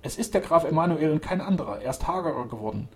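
A man's voice: on the high side, expressive, quick pace, slight background noise, pitched above the performer's own voice. A man voicing an emotional young noblewoman who pleads and commands with strong feeling. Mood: pleading. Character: tearful young noblewoman, passionate.

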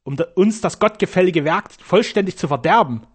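A man's voice: high-pitched, expressive, brisk, slightly rough, pitched above the performer's own voice. A man reading an audiobook voices a pious, scheming nun, raising his voice into a fervent, indignant tone. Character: pious scheming middle-aged nun, shrill and zealous.

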